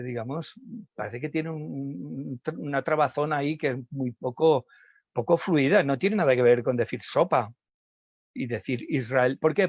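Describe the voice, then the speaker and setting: A man lectures to fellow professionals over a video call, explaining each point patiently and dwelling on every example word. His voice sits at a middle pitch. The sound is muffled and dry, with no room echo. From Spain. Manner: didactic, slowly sounding out example words. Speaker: speech therapist lecturing. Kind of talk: online lecture.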